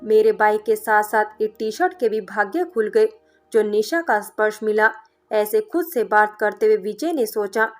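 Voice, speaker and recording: A woman's voice: medium pitch, a bit bright. A woman reading a family story aloud as scripted narration, speaking every character's lines in her own voice. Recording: narration with background music.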